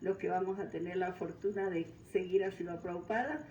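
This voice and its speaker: An older woman from Venezuela giving a devotional talk, pausing often and searching for words. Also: on the low side, steady tone, warm tone, lo-fi sound, a little hiss or hum. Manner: unhurried, searching for words, frequent fillers. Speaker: guest speaker. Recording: distant mic in roomy hall.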